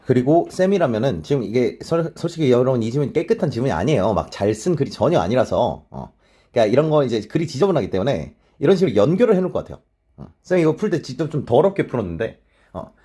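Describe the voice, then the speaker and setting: A man teaching an exam-prep lecture, talking casually and checking in with his students all the time with quick tag questions. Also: fairly high pitch, dark tone, breathy edge. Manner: mixes polite and plain speech; many short filler replies to himself.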